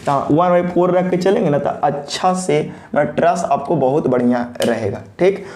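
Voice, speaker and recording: A man's voice: fairly high pitch, moderate pace, a little mellow. A man giving a technical lecture who asks questions and answers them himself, repeating key terms and mixing in English phrases. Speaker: teacher. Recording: echoey room.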